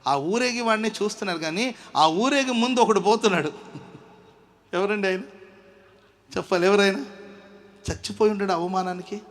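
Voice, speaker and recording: A male pastor preaching a sermon, swinging from hushed asides to loud exhortation and calling the congregation to shout hallelujah. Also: sits high, normal speed, long pauses. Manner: calls on the congregation to say amen and hallelujah. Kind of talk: Telugu sermon. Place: church service with congregation.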